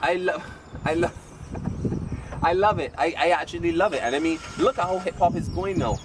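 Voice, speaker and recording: A man's voice: fairly high pitch, normal speed, background noise. A man with a Bajan accent chatting casually and emphatically, often repeating his phrases for weight. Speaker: panelist on a culture talk show. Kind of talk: casual chat.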